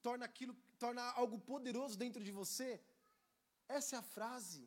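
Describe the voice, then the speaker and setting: High-voiced evangelist preaching. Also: male voice, a little fast. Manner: emphatic, swings from hushed to shouting; acts out quoted voices. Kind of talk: sermon to a congregation.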